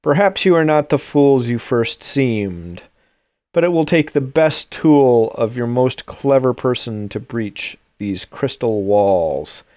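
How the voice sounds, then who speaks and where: Man as taunting unseen game guardian, portentous, deliberate, slightly muffled dry sound. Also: medium pitch, lively intonation, darkish tone, no echo. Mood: taunting, ominous. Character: booming, taunting unseen voice testing adventurers.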